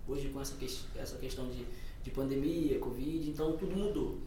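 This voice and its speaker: A man's voice: mid-range voice, brisk, dark tone, far from the mic, slight background noise. A young Brazilian man chatting casually as a podcast guest, laid-back, often calling the host "mano". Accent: Brazilian Portuguese. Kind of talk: casual chat. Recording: roomy echo, a bit off-mic.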